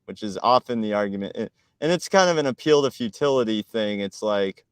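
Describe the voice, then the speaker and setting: A man with a low, smooth and resonant voice talks on a casual live stream. He is talkative and argumentative, and he laughs often. The sound is dry and close. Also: expressive, fairly quick, dry recording.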